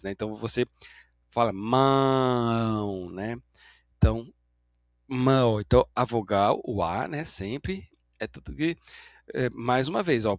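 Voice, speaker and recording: A Brazilian male teacher with a medium-pitched voice explains a grammar point step by step. He keeps checking that his listeners follow and draws out example words slowly to show how they sound. The recording is dry and close, with no room echo. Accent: Brazilian Portuguese. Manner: explains patiently, with frequent tag checks like "né?" and "tá?". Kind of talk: grammar lesson at a whiteboard.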